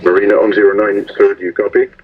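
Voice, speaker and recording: A man's voice: lowish voice, level tone, quick pace. A man working as a marina radio operator, speaking courteously and procedurally over VHF marine radio. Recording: muffled marine radio transmission.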